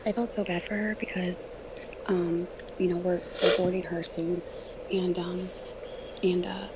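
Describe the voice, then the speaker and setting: A woman talking in a hushed, half-whispered way, swearing and rambling with many fillers. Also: lowish voice, little pitch movement, unhurried. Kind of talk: casual chat. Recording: noisy background.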